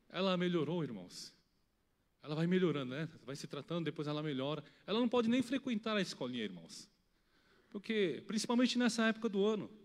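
A young man giving an emotional sermon testimony with a Brazilian Portuguese accent, pleading and swinging from shouted appeals to quiet storytelling. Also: high voice, big-room sound. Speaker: preacher.

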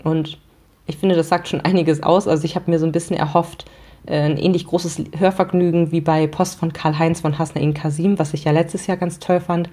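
Low-voiced woman chatting about books. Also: fairly even intonation, normal speed, dark tone. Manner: chatty, many fillers. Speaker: podcast host. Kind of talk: casual book review.

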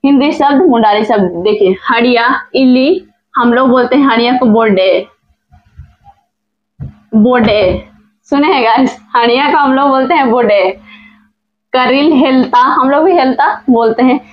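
A woman with a high voice teaches vocabulary at a small whiteboard, saying each word slowly and repeating it. She talks in an easy, chatty way to her viewers. The sound is dull and lo-fi. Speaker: language teacher, channel host. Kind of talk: casual whiteboard vocabulary lesson.

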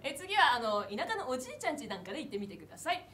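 A woman comedian performing a stand-up routine on a TV studio stage, saying phrases in mock-English and delivering punchlines slowly and deliberately. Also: high-pitched, sing-song. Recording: echoey studio with loud background noise.

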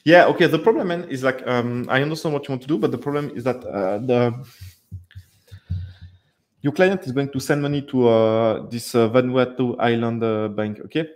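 A man in his thirties hosts a live webcam Q&A from a dim indoor room, his mid-range voice moving at a moderate pace. He chats casually with viewers, full of fillers and restarts, picked up by a headset or desk mic in webcam framing.

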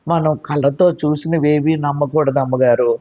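Man doing a humble maidservant, deferential, coaxing, husky, dull lo-fi. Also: fairly high pitch, steady tone, moderate pace, warm tone, close to an everyday voice. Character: humble woman servant, gentle and pleading. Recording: dull lo-fi with faint music.

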